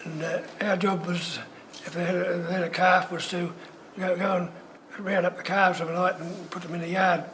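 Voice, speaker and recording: A man's voice: sits high, flat delivery, normal speed, fairly bright tone, a little hiss or hum. An older man recalling farm chores, restarting and repeating words. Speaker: oral history interviewee.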